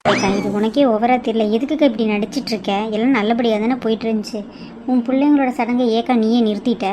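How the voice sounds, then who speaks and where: A woman voicing a sharp-tongued younger sister in a cartoon, mocking and scolding. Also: a little high, steady tone, fast talker, noisy background, close to an everyday voice. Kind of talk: cartoon voice acting.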